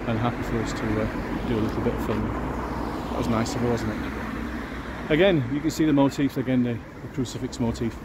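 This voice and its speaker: A man's voice: medium pitch, steady tone, moderate pace. Chatty man outdoors. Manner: chatty, musing aloud with fillers. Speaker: vlogger giving a walking tour. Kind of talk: casual walking-tour commentary. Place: outdoors on a city street. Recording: outdoor street noise behind.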